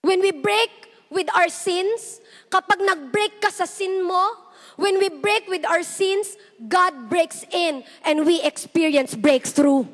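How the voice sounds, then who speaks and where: Very high-voiced young woman preaching. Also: takes it slowly. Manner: mixes Tagalog and English, retells stories with voiced quotes. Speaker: youth service preacher. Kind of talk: sermon. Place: church hall. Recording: echoey church hall.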